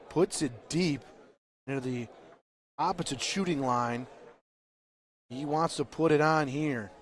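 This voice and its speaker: A man calling a bocce final live, talking through the options calmly and then erupting with excitement when a shot lands. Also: medium pitch. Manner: calm explaining, then loud excited bursts on big shots. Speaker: play-by-play commentator. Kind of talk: live sports commentary. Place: indoor bocce court.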